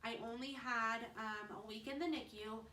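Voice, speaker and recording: A young woman, a mother of twins, talking fast and earnestly to camera in a casual advice vlog. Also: fairly high pitch, fairly even intonation, bright, forceful tone, a little hiss or hum. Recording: roomy, slightly distant mic.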